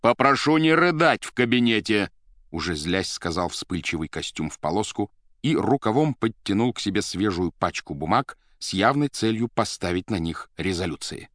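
A man with a lowish voice narrates a novel in a measured, steady manner. The recording is close and dry, with no room sound around him. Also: no room sound. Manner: measured, even storytelling delivery. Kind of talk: literary audiobook narration.

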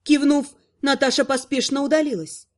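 A woman giving a scripted narration of a fantasy story in an even, expressive reading. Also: sits high, normal speed.

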